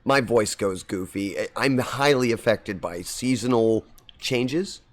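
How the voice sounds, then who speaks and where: A man's voice: mid-range voice, a little slow. A man streaming a game and chatting casually with viewers, his voice slightly scratchy from seasonal allergies. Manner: rambling, friendly, greets chat by name. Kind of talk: casual chat while gaming.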